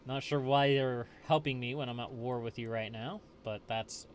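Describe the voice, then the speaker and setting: Male gameplay host, chatty and casual, middle pitch, faint hiss behind. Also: steady tone, normal speed. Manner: chatty, reads game text aloud, chuckles often. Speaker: let's play host.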